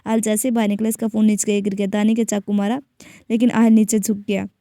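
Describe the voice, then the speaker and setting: A woman reading a romance novel aloud, rapid and even, with slips and restarts. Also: mid-range voice, no room sound, studio quality. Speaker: novel reader.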